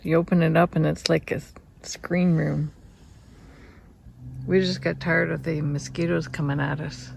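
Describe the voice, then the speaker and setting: A woman's voice: deep voice, steady tone, a little fast, vocal fry, few pauses, a little hiss or hum. An older woman chatting and narrating her camping trip at an outdoor campsite, telling stories as she goes. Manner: chatty, storytelling. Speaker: camping vlog host. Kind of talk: casual chat and narration.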